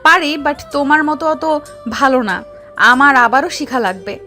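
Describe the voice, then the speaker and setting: Woman acting a bright, high-voiced snappy young wife. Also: animated, unhurried, soft background music, full character voice. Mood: softened, curious. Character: short-tempered young wife, bossy but softening. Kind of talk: acted audio love story.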